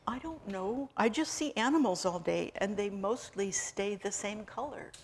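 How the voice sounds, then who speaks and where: A woman's voice: medium pitch, moderate pace, slight background noise, natural voice. Timid frightened young woman, read by a woman. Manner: timid, pleading.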